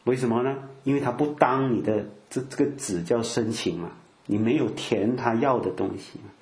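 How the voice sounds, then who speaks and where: A man's voice: mid-range voice, moderate pace, a little mellow, reverberant. An older man giving a conversational sermon, full of filler particles and acted-out quotes. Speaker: preacher.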